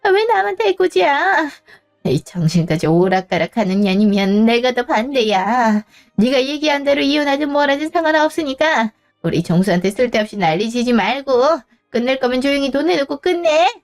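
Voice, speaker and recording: Woman voicing a shrill bossy mother-in-law. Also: expressive, moderate pace, soft background music. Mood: indignant scolding. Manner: high-pitched, scolding, whiny. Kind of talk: dramatized story narration.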